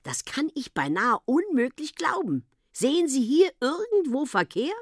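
A woman's voice: high-pitched, sing-song, a little slow, dry recording, clean studio sound, voice pushed up, heavily acted. A woman voicing a stubborn, sensible uncle in a storybook reading, arguing his point. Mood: contrary. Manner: argumentative and reasoning.

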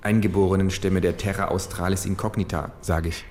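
A man doing a dry, deadpan live reading of a story to an audience. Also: sits low, brisk. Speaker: author reading aloud. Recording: live stage with audience noise.

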